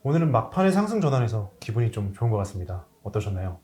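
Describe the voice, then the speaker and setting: Male finance show host, fast and animated, brisk direct questioner. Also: on the low side.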